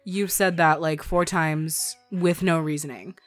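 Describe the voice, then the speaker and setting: A woman's voice: low-pitched, fairly even intonation, measured pace, dry recording, soft background music. A woman playing a sardonic but supportive farmer's wife in an audio story, with a dry, skeptical manner. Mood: incredulous. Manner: dry, sarcastic.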